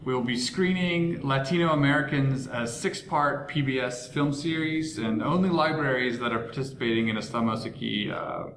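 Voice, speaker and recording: A man hosts a podcast in a medium-pitched voice, moving between prepared announcements and casual remarks. His voice bounces around an echoey, hallway-like room. Some noise sits behind him. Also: moderate pace, few pauses, a bit bright. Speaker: podcast host. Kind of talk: scripted podcast hosting with casual asides. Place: echoing visitors' bullpen at a ballpark.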